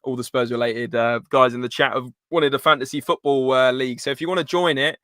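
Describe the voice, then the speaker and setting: A man's voice: medium pitch, steady tone, fast, a bit bright, dry recording, studio quality. A man hosting a casual live football chat in informal, matey slang. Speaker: live stream host.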